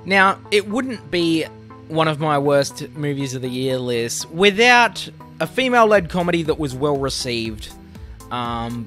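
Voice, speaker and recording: A young man with an Australian accent rants through a casual review, his voice sitting a little high. He sounds exasperated and sarcastic and swears freely. Faint music plays behind him. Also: a bit bright. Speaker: movie reviewer.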